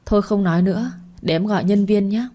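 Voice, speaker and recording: A woman's voice: mid-range voice, fast, warm tone, natural voice. A woman reading the lines of a cheerful, shy young woman florist in a storybook, in a light way.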